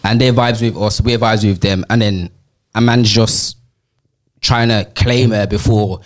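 A man's voice: fairly low pitch, steady tone, unhurried. A young man with a London roadman accent hosting a casual group chat in slangy street talk. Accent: London roadman, urban slang. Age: young adult. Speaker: host.

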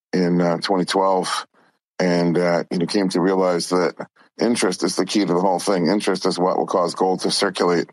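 A man's voice: low-pitched, dry recording, low-quality recording. A man speaking as an interview guest, explaining things conversationally. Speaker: interview guest, company founder and CEO.

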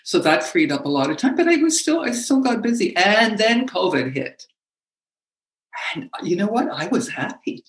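A middle-aged woman, a speaking coach, talking animatedly as an interview guest, with frequent laughs and halting restarts. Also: fairly low pitch, expressive, roomy sound. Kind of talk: conversational interview.

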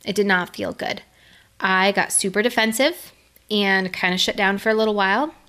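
A woman's voice: medium pitch, fairly even intonation, normal speed, pushed and bright, smooth. A middle-aged woman giving an earnest, conversational faith-based motivational talk, laughing now and then.

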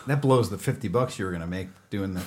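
Low-voiced man making dry jokes. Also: fast talker. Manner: dry joker. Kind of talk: casual group chat.

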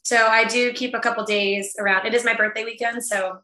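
A woman's voice: on the high side, fairly even intonation, brisk, sharp tone. A woman chatting as an interview guest over a video call, talking in a laid-back way and laughing often. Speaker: guest, event planner. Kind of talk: casual interview chat. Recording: echoey room.

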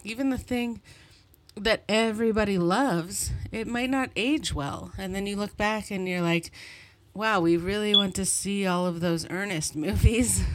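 A woman in her thirties from Montreal hosting her own podcast, talking alone in a chatty, rambling, self-deprecating way. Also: mid-range voice. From Montreal, Canada. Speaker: podcast host. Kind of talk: solo podcast monologue. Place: bedroom at home.

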